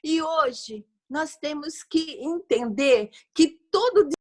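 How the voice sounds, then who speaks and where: A Brazilian Portuguese-accented woman giving advice as a guest expert over a video call, lively and speaking straight to her audience. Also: high voice, takes it slowly. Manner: lively, addresses the audience directly and often. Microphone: video call microphone.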